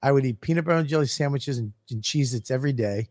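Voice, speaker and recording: A man's voice: mid-range voice, fast, a little mellow, dry recording, clean studio sound. A man co-hosting a podcast in casual banter, rambling with stammered restarts and teasing his co-host.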